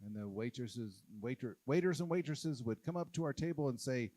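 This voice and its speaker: A man from Oklahoma doing a stand-up comedy set on a live stage, talking in a halting, self-deprecating way with many "uh" fillers. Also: mid-range voice, lively intonation, mellow, no room sound. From Oklahoma, USA.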